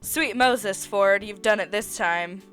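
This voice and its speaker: A woman doing a blustering gruff old man. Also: medium pitch, takes it slowly, a bit bright, soft background music. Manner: brash and scolding. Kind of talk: reading a dating game aloud.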